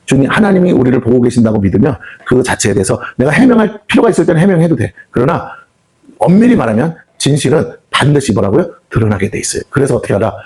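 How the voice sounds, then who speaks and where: Fast-talking preacher man, quizzing the crowd. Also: on the high side, darkish tone. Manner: call-and-response questions to the congregation; acts out quoted reactions with sighs. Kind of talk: sermon. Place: prayer house meeting hall.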